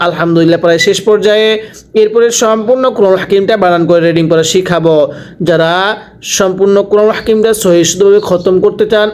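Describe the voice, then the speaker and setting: A man with a Bangladeshi Bengali accent teaching Quran reading, spelling out each syllable and reciting slowly between quick explanations. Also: high voice, a little mellow.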